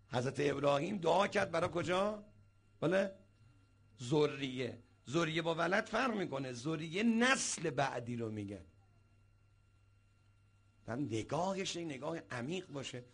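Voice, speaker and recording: Preacher guy giving a sermon, kinda high voice, jumps all over the place, acts out the people in his stories. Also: gravelly, breathy edge. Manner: animated storyteller who acts out quoted speakers. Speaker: cleric.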